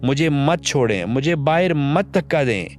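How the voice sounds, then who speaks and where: A man's voice: lively intonation, faint music behind, natural voice. A man voicing a frightened little girl who pleads and sobs on a sinking ship. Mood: sobbing pleading. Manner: pleading, sobbing, high and pressed.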